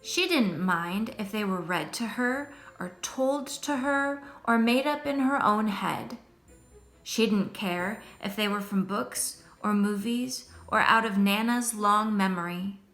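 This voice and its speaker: A middle-aged woman with a mid-range voice reads a picture book aloud to children, expressive and deliberate like a storyteller, with faint music behind her.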